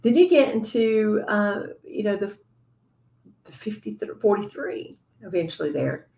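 A woman giving a devotional Bible teaching to other women, earnest and conversational, sometimes dropping to a soft whisper. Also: mid-range voice, sing-song, a little slow, creaky, echoey room.

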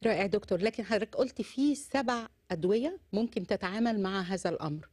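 A middle-aged woman hosting a TV talk show in a studio, brisk with encouraging interjections. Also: medium pitch, darkish tone, breathy edge, no room sound. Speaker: host.

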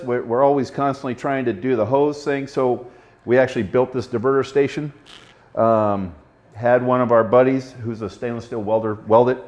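A man in his forties demonstrating brewery equipment in an easygoing, slightly fumbling, self-deprecating way. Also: mid-range voice. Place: brewery floor among steel tanks, indoors. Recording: slightly dull, muffled sound.

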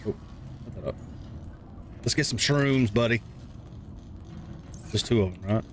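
Male streamer for casual let's-play: mid-pitched, relaxed self-talk, light game noise underneath. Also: measured pace. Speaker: gaming streamer. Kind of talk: casual let's-play commentary, thinking aloud. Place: small room at home. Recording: faint game noise behind.

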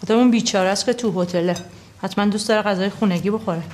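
An actress playing a woman doctor with quick, teasing retorts. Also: medium pitch, a little mellow, lightly acted. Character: sharp-tongued woman doctor, caring daughter.

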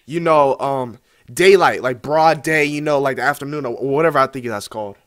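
A young American man hosting a reaction video, excitedly exclaiming and breaking down what he hears. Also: mid-range voice, fairly quick, a little hiss or hum. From United States. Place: small indoor room at a desk. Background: faint music from the video he plays.

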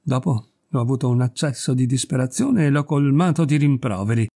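A man's voice: medium pitch, animated, a little fast, breathy edge. A man doing a scheming, gleeful noblewoman. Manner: hushed, confiding, savoring the secret.

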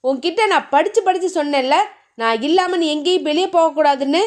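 A woman voicing a young possessive husband who shouts and scolds, in a novel reading. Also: sits high, brisk, close to an everyday voice. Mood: angry. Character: possessive young man, hot-tempered husband.

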